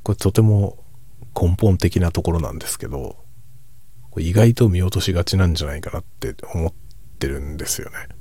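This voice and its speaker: A middle-aged man chatting casually in a hushed, soft voice, musing reflectively as if for late-night listening. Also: animated. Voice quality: husky, breathy low voice. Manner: reflective, musing, unhurried soft-spoken delivery. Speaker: host of a late-night chat for falling asleep.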